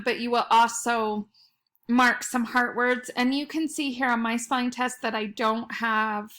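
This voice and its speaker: Slow, patient woman teacher. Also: on the high side, fairly bright tone. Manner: slow, patient, sounding out letters. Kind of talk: recorded home spelling lesson. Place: home at night.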